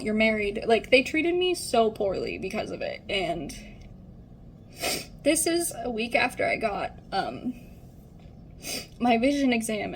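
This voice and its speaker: A woman's voice: on the high side, a little hiss or hum. A young woman telling a personal story in a casual get-ready-with-me vlog, chatty, full of fillers and restarts. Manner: chatty, many fillers and restarts, acts out quoted people.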